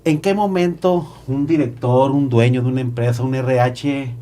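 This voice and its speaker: A man's voice: medium pitch, fairly even intonation, moderate pace, mellow, slight background noise. A man hosting a casual podcast interview, talking in a playful, slangy way and enjoying stirring up debate. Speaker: podcast host.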